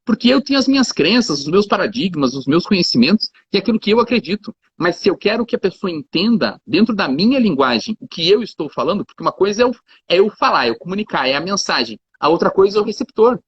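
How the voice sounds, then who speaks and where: A man with a husky, slightly high voice talks casually as a guest. He explains ideas through examples, leaning on fillers like "cara" and "né". The recording is dry and dull, with a lo-fi sound. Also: sing-song, fast talker, no room sound. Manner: talkative, explains with examples, fillers like 'cara' and 'né'. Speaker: lawyer, guest. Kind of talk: casual conversation.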